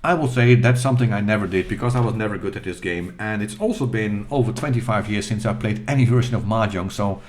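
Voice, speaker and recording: A middle-aged man with a fairly low voice talks over his gameplay in a casual, unhurried voice-over. He is self-deprecating and halting, with plenty of fillers and restarts as he thinks aloud. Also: a little mellow. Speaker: retro gaming channel host.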